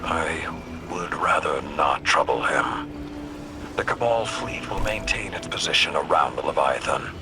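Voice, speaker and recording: An actor playing a stern, stoic warlord in a game, giving orders in a gruff, formal manner. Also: male voice, extremely low pitch, lively intonation, measured pace, over music. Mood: stern, reserved. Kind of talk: scripted game dialogue.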